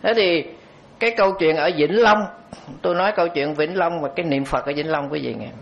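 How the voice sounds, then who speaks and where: Telling a story in a dharma talk, a Buddhist monk speaks a little fast in a gravelly voice that sits slightly high for a man. His tone is conversational and he speaks to the audience directly. It is a dull, lo-fi recording with slight background noise.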